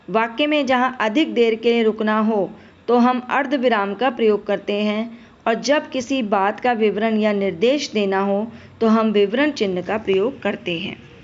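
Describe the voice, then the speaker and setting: In a muffled recording, a woman whose voice sits on the high side explains a primary school Hindi lesson at a measured pace. She speaks patiently to the children, posing questions and then answering them.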